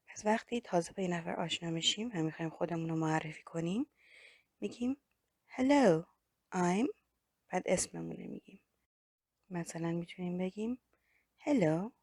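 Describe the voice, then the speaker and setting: A woman with a Persian accent teaching English, repeating each word slowly several times for learners. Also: medium pitch, a little mellow, no echo, studio quality. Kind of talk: slow repetition drills for learners.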